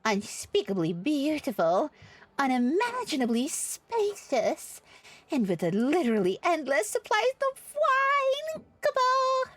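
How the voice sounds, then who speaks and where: A woman performs a full character voice for a small, earnest moogle creature from a fantasy game, reading game dialogue as it tells its story theatrically and reverently. Her voice is high and pushed up, fairly bright, slow, with huge pitch swings. She gushes and exclaims a verbal tic, and the recording is dry.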